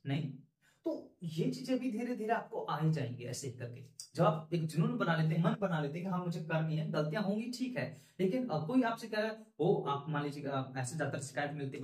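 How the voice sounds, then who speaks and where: A man's voice: fairly high pitch, animated, a little fast, a little mellow. A male spoken English teacher giving an earnest, encouraging lesson talk to learners, repeating his points with rising emphasis. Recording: echoey room.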